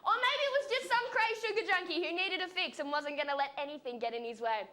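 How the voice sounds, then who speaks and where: A woman delivering a wry, animated comic monologue to a studio audience. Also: very high-pitched, quick pace. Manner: animated, wry, breaks into laughs. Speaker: comedy segment presenter. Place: television studio with live audience. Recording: live studio with audible audience.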